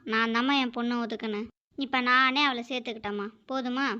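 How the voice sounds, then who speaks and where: A woman's voice: a little high, steady tone, brisk, bright, forceful tone, clear, resonant tone. A woman voicing a stern, proud old grandmother in a cartoon who defends her family in a firm, scolding way. The recording is dull and lo-fi. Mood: calm. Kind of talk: animated cartoon dialogue. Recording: dull lo-fi audio.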